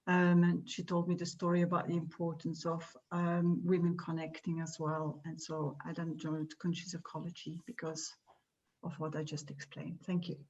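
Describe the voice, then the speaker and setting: Low-pitched woman on a dull call line. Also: monotone, normal speed, a little mellow. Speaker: interview guest. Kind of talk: casual self-introduction.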